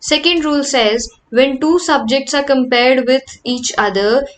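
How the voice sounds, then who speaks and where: A woman teaching a grammar lecture, reading example sentences slowly and then explaining them more quickly in Hindi. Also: fairly high pitch.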